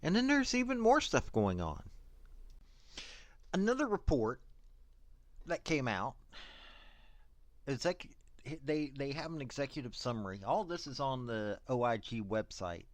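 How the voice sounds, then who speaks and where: A man's voice: mid-range voice, very animated, unhurried, pauses often, dry recording. A man giving blunt, opinionated commentary, reading parts of official reports aloud and adding casual, sarcastic asides. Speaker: commentator on prison investigations.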